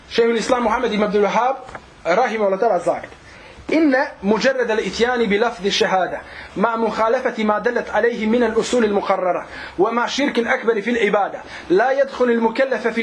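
In a religious lesson, a man rattles off Arabic passages and then explains them over and over, putting rhetorical questions to the class. His pitch is extremely high, and there's slight background noise.

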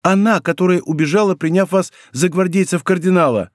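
A fragile young woman, high and pleading, her words tumbling out breathlessly, as a male reader raises his voice for her. The sound is close and dry, the way a studio audiobook is. She clings to the man she loves. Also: a little fast, no room sound, lightly acted. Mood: anxious. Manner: pleading, breathless emotional delivery. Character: young woman, frail, loving, dying of poison. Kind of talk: audiobook role reading.

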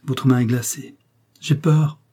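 A man voicing a dying young noblewoman, bitter and despairing, in a slow, weak, anguished delivery, with a husky, dark voice. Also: mid-range voice, close to an everyday voice. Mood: horrified.

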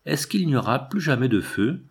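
A man's voice: medium pitch, big pitch swings, normal speed, husky, pitched above the performer's own voice. A man reading the lines of a young woman, frightened and half asleep, asking in a dreamlike way. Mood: dazed.

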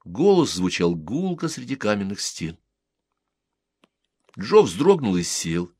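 A man reading a short story aloud as an audiobook narrator, with even, expressive delivery. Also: lowish voice, slow, slightly rough, no echo, studio quality.

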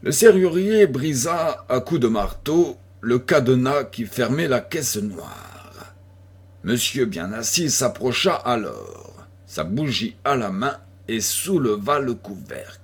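Male audiobook narrator, husky voice, very unhurried delivery. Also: mid-range voice, sing-song. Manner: slow, deliberate reading. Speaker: audiobook reader. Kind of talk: scripted narration of a 19th-century detective novel.

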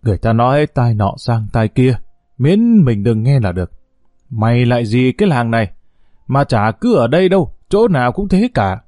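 A man voicing a gruff, scolding old grandfather in an audio story. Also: mid-range voice, very animated, moderate pace, mellow, no echo, clean studio sound, natural voice. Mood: dismissive. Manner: scolding, dismissive.

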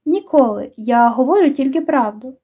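A brooding teenage boy speaks in a quiet, dry and tender way, as a woman reads him in an audiobook. Her voice stays high and mellow. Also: expressive, moderate pace, breathy edge, full character voice. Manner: soft-spoken, dry. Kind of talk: audiobook dialogue reading.

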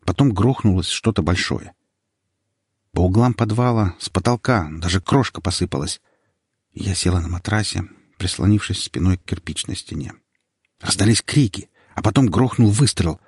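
A man narrating a first-person audiobook in a steady, dramatic storytelling manner. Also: low voice, normal speed, husky, dry recording, studio quality. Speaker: audiobook reader.

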